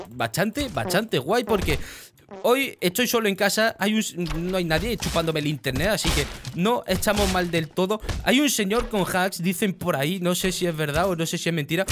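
A man doing live gameplay commentary, talking to himself, swearing, and swinging between loud outbursts and low mutters. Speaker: gaming YouTuber. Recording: game music playing loud behind the voice.

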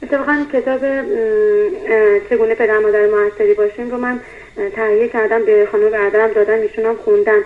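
A woman's voice: medium pitch, steady tone. A woman calling in with a question, hesitant and full of fillers. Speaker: caller. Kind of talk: phone-in question. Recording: tinny phone line.

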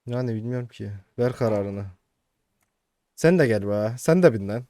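A young man commentating casually on a video game he plays, excitable and joking with his viewers. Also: mid-range voice, normal speed. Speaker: gaming youtuber. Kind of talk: casual let's-play commentary.

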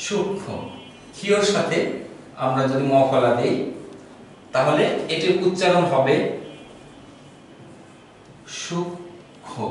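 A man gives a grammar lesson in a high-pitched voice, patiently spelling things out and saying example words over and over so they are pronounced right. He sounds far from the microphone in a very echoey room. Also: a little hiss or hum. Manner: patient, repeats example words slowly to model pronunciation. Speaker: Bengali language teacher.

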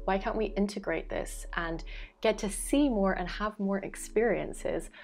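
A woman's voice: mid-range voice, a little slow, vocal fry, a little mellow. A young woman from Belgium, a vlogger and life coach, talking earnestly to camera about her life, thoughtful with occasional fillers and self-corrections, in a small room at home. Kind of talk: reflective talking-head vlog. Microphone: fixed camera, framed chest-up.

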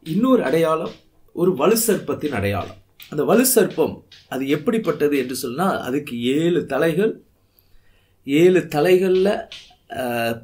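A man's voice: fairly high pitch, darkish tone. A man preaching a Bible study sermon in Tamil, reading verses aloud and stressing points with rising emphasis. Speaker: pastor.

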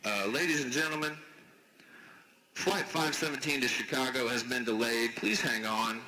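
A man's voice: medium pitch, moderate pace, sharp tone, slight background noise, pitched below the performer's own voice, natural voice, low-quality recording. A man voicing a male airport gate announcer in a formal, droning delivery.

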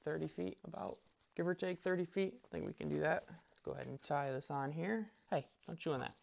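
Gravelly-voiced man training a puppy. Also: a little high, a little fast, a little hiss or hum. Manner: upbeat praise and commands to a puppy, calm asides to viewers. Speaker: dog trainer and vlogger. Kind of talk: casual vlog narration while training a dog outdoors. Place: outdoors at a park.

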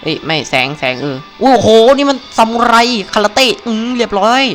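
A young gaming channel host plays a live Let's Play in a high-pitched, very animated, fairly quick and somewhat bright voice, with soft music behind him. Chatty and playful, he jokes and exclaims as he goes, recorded live over gameplay on a home mic.

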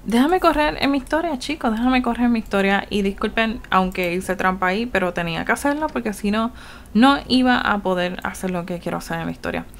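A woman's voice: medium pitch, fairly quick, a little hiss or hum. A woman with a Puerto Rican Spanish accent giving casual, chatty gameplay commentary, laughing often and voicing her game characters. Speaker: gaming YouTuber.

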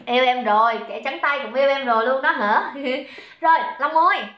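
A woman's voice: high voice, moderate pace, fairly bright tone. A young woman selling on a livestream, chatty and teasing as she reads out viewer comments. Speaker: livestream seller. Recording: echoey room, dull lo-fi sound.

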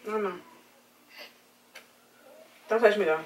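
Angry woman shouting in a distant room. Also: mid-range voice, unhurried. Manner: angry, blunt, repeats herself, threatens. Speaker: vlogger, prank target. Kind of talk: heated argument with partner. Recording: distant mic with faint noise.

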